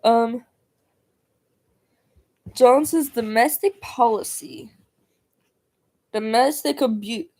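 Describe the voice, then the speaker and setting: Rambling, high-voiced woman streamer. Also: slow, pauses often, warm tone. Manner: rambling, stumbling over words, giggly. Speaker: livestreamer. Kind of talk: casual livestream chat while doing homework.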